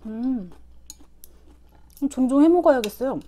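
A woman in a casual eating vlog, murmuring softly between bites with her mouth full. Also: high-pitched, animated, unhurried, a little hiss or hum. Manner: quiet, murmured tasting sounds between bites. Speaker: food vlogger.

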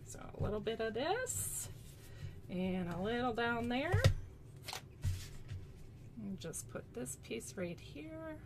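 A woman's voice: fairly high pitch, sing-song, slow pace, long pauses, background noise. A woman demonstrating card-making in a chatty, casual way, talking to her viewers as friends. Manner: chatty, giggly, talks to viewers as "you guys". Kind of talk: casual craft tutorial.

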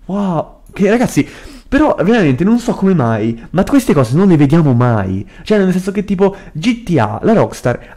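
A young man with a Florentine Italian accent giving casual gameplay commentary, excitable and swearing a lot. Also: a little high. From Italy. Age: young adult. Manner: excitable, swears a lot, shrieks when startled. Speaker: gaming youtuber.

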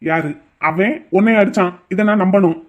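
A man playing a calm father and older brother who reasons patiently in a homemade drama. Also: high-pitched, narrow, tinny audio, natural voice. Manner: patient, measured persuasion.

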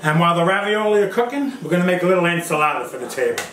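A middle-aged man hosts a casual cooking demonstration in his home kitchen, firing off short, exclamatory remarks in a high-pitched, very animated voice at a very fast clip. The room is roomy and echoing, with music playing behind him and a noisy background overall.

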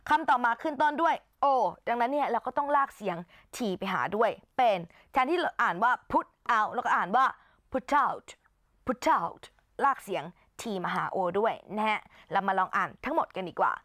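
A woman teaching English on a televised exam-prep lesson, her voice set a little high. She explains in one language and models English phrases slowly and carefully. The sound is close and dry, with no room around it. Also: animated, a bit bright, no echo.

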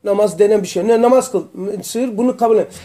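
High-voiced man teaching a religious lesson. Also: mellow. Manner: asks students questions, explains terms slowly. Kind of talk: religious lesson to a small group.

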